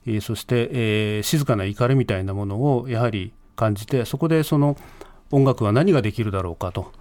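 A man's voice: lowish voice, a little fast, darkish tone. A man speaking as a guest in a radio interview, thoughtful and hesitant, with many fillers and restarts. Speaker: guest, news department head.

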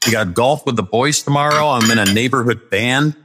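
A man's voice: mid-range voice, a little fast, background noise. A man in his sixties, a retired news anchor, chatting as a guest in an upbeat, teasing way over a remote call. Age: 60s. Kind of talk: casual chat.

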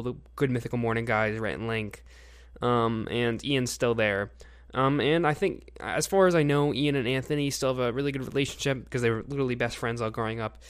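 A young man hosting a podcast with casual, unscripted commentary, rambling and pausing often to think. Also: medium pitch. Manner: rambling, with frequent pauses to think. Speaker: podcast host.

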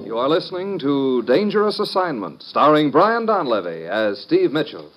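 A man's voice: on the high side, sing-song, normal speed. A man announcing a radio drama in the vintage style of the 1940s and 50s. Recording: muffled vintage radio with loud organ music.

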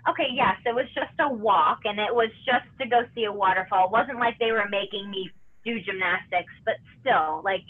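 A woman's voice: medium pitch, slightly rough. A woman in her thirties speaks over a thin, phone-like line. Her speech halts and restarts often, and she sounds on the edge of tears. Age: 30s. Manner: halting, many restarts and fillers. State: tearful. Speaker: interview guest, former gymnast. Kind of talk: emotional personal interview.

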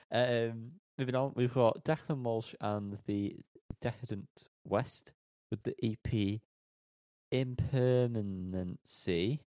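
A man's voice: medium pitch, little pitch movement, slow, mellow, no room sound, studio quality. A man co-hosting a music podcast, joking around and tripping over band names. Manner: jokey, laughing, stumbles over names. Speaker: podcast co-host reviewing music. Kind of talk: casual chat.

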